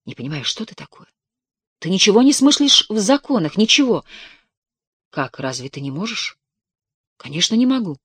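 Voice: mid-range voice, very animated, fairly quick, a bit bright, slightly rough, no room sound, exaggerated voice. A reader voicing a stern, shocked young husband in a dramatic audiobook reading, reproachful and clipped. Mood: exasperated.

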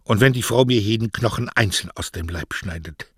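A young, lovesick postman pleading his case with earnest emotion, as a male reader puts him on. His voice sits low and sounds dry and close. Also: normal speed, husky, dry recording.

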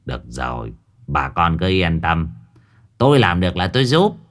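A cranky village sorcerer speaks low and gruff, as if he can't be bothered, voiced by a man narrating a ghost story. His tone drops deeper than the narrator's own. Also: big pitch swings, moderate pace. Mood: solemn. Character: grumpy middle-aged male sorcerer, gruff.

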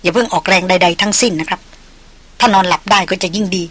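A stoic wandering tracker who speaks in a low, near-whispered murmur, voiced by a woman narrator. His tone is quiet and even. Audiobook reading. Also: fast, close to an everyday voice. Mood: hushed.

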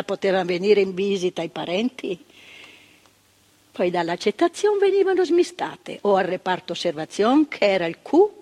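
With a husky mid-range voice, an actress performs a stage monologue as an indignant older woman remembering her work in a psychiatric hospital. Her vivid telling drops to hushed tones before rising into emphatic outbursts.

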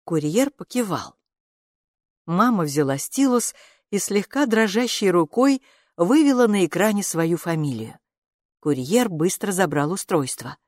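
A woman reading a children's story aloud as narrator, with a lively, expressive delivery. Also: on the low side, unhurried, dry recording, clean studio sound. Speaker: audiobook narrator. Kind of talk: scripted narration.

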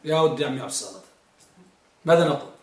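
A man's voice: a little high, animated, very fast, darkish tone, roomy sound. A man teaching Arabic grammar. He quizzes his students and stretches out words to drive a point home. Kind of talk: Arabic grammar lesson with question-and-answer drill.

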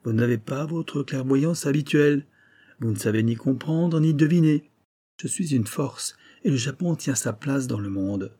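A man voicing a proud doctor in a storybook reading, speaking in a raised, insistent register. He lectures with swelling emphasis and thinly veiled threat. The tone stays mellow and slightly husky underneath. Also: mid-range voice, lively intonation, normal speed, pitched above the performer's own voice, natural voice. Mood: menacing. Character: proud, threatening Japanese male doctor, middle-aged.

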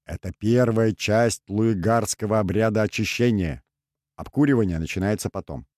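A man voicing a huge, gruff, superstitious male ship's shaman in an audiobook, speaking in a menacing booming bass. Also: normal speed, a little mellow, no room sound, studio quality, close to an everyday voice. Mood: accusing.

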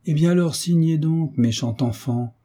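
A man reading the part of a kind, fatherly hunchbacked nobleman in a gentle, coaxing way. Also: medium pitch, normal speed, slightly rough, close to an everyday voice. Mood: coaxing, tender.

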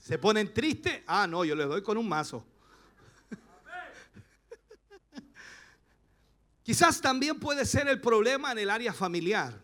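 A middle-aged man with a Chilean accent, preaching a sermon as pastor, passionate and rising to shouts. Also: high voice, big pitch swings, slow, pauses often.

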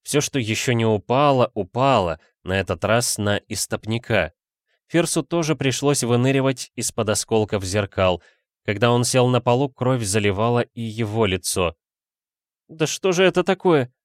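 A man narrating an adventure audiobook in steady storytelling. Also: medium pitch, normal speed, dry recording, studio quality. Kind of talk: scripted narration.

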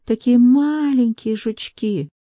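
A flustered young hotel clerk, played by a woman reading aloud, answers in a higher, uncertain voice, trying to placate. The voice is dark-toned and recorded dry. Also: slow, dry recording. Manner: hesitant, helpless, placating.

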